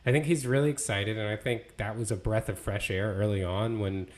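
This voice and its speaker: A man's voice: lowish voice, fairly even intonation, brisk. A man co-hosting a casual sports podcast, talking in a loose, conversational way full of fillers and restarts. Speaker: podcast co-host.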